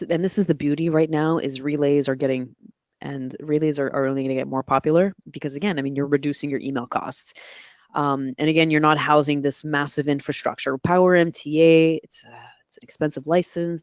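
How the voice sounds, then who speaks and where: With no room sound, a woman's deep, slightly mellow voice carries well, the kind suited to radio. She answers questions as a guest expert in a live webinar, explaining her methods in practical steps. She corrects herself as she goes.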